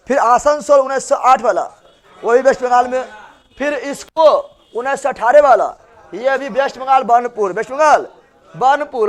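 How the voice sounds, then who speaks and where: A man's voice: very high voice, fairly bright tone. A male teacher, giving a classroom lecture and drilling students with repeated questions and answers.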